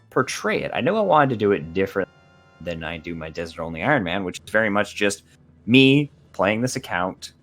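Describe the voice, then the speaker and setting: A man with a lowish voice talks casually on a podcast, swinging his pitch up and down a lot. He rambles in an animated, joking way, with soft music playing faintly behind him. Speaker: podcast guest.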